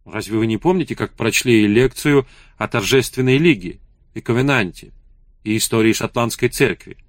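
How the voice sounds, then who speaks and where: A man's voice: mid-range voice, normal speed, dry recording, studio quality, close to an everyday voice. A man voicing a hungover young woman who speaks in a weary, sighing, ironic way. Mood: wry.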